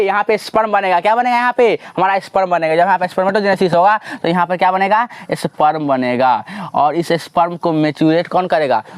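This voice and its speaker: A man teaching biology in a classroom lecture style, repeatedly asking questions and answering them himself, pushing students to answer loudly. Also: sits high, smooth, dry recording. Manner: drills with repeated call-and-response questions.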